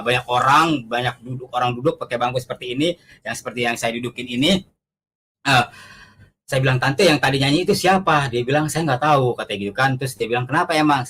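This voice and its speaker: A man's voice: mid-range voice, fairly bright tone. Male guest, testimony storyteller, casual and earnest, acts out quotes; faint room noise. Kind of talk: conversational testimony.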